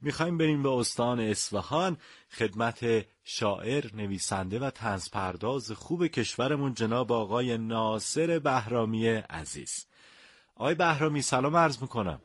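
Male radio host, mid pitch, dry studio, courteous and full of praise for his guest. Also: animated, dry recording. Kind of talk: radio interview.

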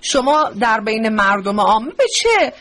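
High-voiced, politely respectful woman host. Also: lively intonation. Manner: polite, warmly respectful questions. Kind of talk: interview.

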